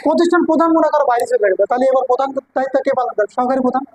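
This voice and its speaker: High-voiced woman teaching grammar. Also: racing, a little mellow, no echo, low-quality recording. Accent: Bengali. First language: Bengali. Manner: checks understanding with repeated questions to students. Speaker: English teacher at a coaching center. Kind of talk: classroom grammar lesson.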